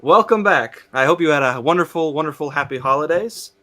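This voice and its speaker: A man's voice: on the high side, animated, brisk, sharp tone. Man on a livestream headset mic. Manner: upbeat, showy broadcaster patter. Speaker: race commentator. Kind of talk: livestream racing commentary.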